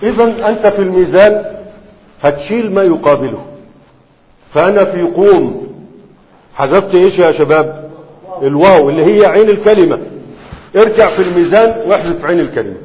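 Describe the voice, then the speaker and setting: A man with an Egyptian Arabic accent gives a classroom lecture, his voice sitting high for a man. He keeps pausing to check that his students are following. The sound is dull and lo-fi, with a long echo from a large hall. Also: animated, a little mellow. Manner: keeps checking students' understanding with quick questions. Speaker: Islamic scholar teaching Arabic morphology.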